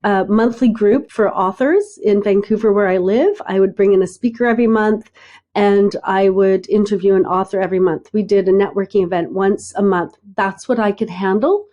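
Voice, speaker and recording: A middle-aged woman talking as a podcast guest, telling animated stories, acting out bits of dialogue and often checking in with "right?". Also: mid-range voice, normal speed, muffled recording. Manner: animated storyteller, acts out dialogue, frequent "right?". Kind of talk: conversational interview.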